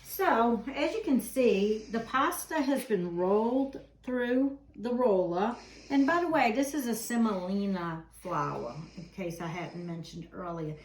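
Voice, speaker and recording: A woman hosts a home cooking demonstration in an indoor kitchen, chatting folksily through each step. Her mid-range voice is animated and a little slow. The room sounds echoey, with faint background noise.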